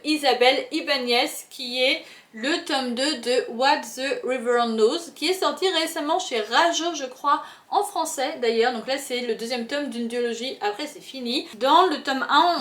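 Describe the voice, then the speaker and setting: Young woman, slightly high voice, casual book chat, echoey room. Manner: chatty, animated, many fillers. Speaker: book vlogger.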